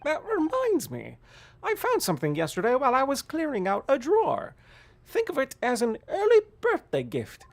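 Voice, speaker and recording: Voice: high-pitched, wildly swooping pitch, normal speed, creaky, voice pushed up, heavily acted. A player voicing an older mother from a video game as a nagging, scolding old hag. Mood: nagging, disapproving. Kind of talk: video game dialogue read aloud.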